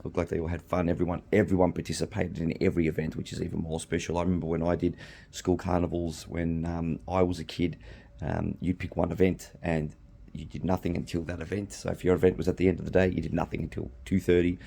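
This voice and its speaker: A middle-aged Australian man hosts a podcast alone, rambling through casual solo chat with frequent ums and restarts. Slightly hoarse from losing his voice, he talks fast in a low, flat, mellow delivery.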